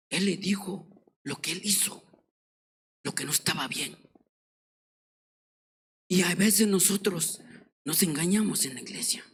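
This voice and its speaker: A man preaching an evangelistic sermon and telling a story. He swings from hushed murmurs to shouted exhortation and keeps addressing his congregation as brothers. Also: a little high, creaky, a little hiss or hum. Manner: addresses congregation as "mis hermanos".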